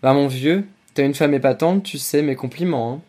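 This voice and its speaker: A hearty army captain tosses off breezy, mocking remarks, as a man voices him in a storybook reading. The tone is jovial and easy. The voice sits a little high. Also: lively intonation, normal speed.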